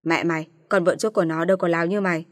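A woman voicing a gruff, angry elderly father-in-law who scolds loudly. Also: on the low side, steady tone, very fast, no room sound, lightly acted. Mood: scolding.

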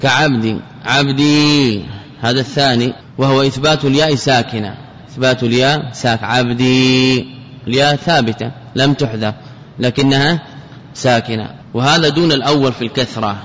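A man teaching a grammar text in a traditional lecture, who repeats key words and examples slowly and chants quoted verses. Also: mid-range voice, fairly bright tone, a little hiss or hum. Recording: muffled lo-fi lecture recording with long reverb.

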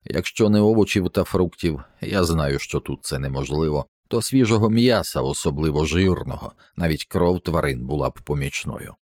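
An earnest, worried expedition doctor, read by a man in an audiobook explains his reasoning with care. The voice is very deep and the sound is dry. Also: lively intonation, normal speed, few pauses, darkish tone, no echo. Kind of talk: audiobook character reading.

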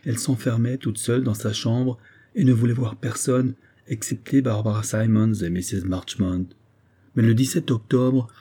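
A soft-hearted carpenter's wife in an old-fashioned storybook, tearful and pleading, her voice rising whenever her grief breaks through, as a male narrator puts her on. The timbre stays husky and dark. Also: fairly low pitch. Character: tender, tearful carpenter's wife, middle-aged servant woman.

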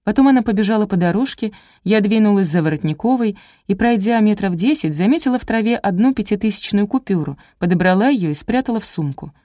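A woman reading a first-person detective audiobook in a brisk, wry storytelling manner. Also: medium pitch, expressive, mellow, dry recording, clean studio sound. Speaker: audiobook narrator. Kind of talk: scripted first-person narration.

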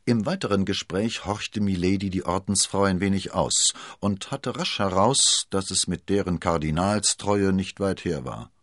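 Deep, husky male storyteller. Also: normal speed, hardly any pauses, no echo, studio quality. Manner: expressive, dramatic storytelling. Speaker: narrator. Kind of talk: scripted storybook narration.

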